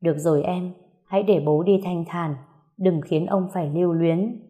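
A woman voicing a gentle, caring young man who soothes a grieving woman in a soft, slow way, as part of a story reading. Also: fairly low pitch, steady tone, close to an everyday voice.

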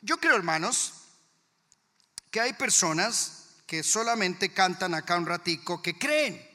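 A man's voice: sits high, big pitch swings, a little slow, pushed and bright, big-room sound. A man with a Colombian accent preaching a fervent sermon to his congregation in church, firing rhetorical questions at the listeners. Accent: Colombian Spanish. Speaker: pastor.

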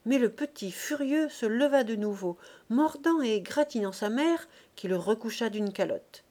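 A woman reading a classic novel aloud as an audiobook narrator, in measured, even storytelling. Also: fairly high pitch. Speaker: audiobook reader.

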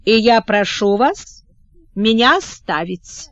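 Lady voicing a cold calm princess, contemptuous, flat and unhurried in an audiobook. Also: fairly high pitch, no room sound, highs cut off. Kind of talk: audiobook character reading.

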